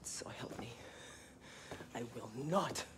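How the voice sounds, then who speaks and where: A woman's voice: takes it slowly, a bit bright, whispered. A woman playing a tender, protective, long-suffering mother in a video game drama. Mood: angry.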